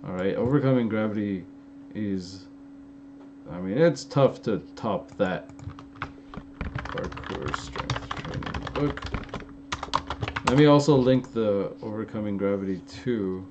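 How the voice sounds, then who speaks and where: Speaking slowly with frequent pauses, a young man with a fairly low, expressive voice takes live chat questions during a casual stream. He's an LA native with an Armenian-influenced American accent, and his loose, rambling answers are full of fillers and restarts. Expect slightly dull lo-fi stream audio with faint noise.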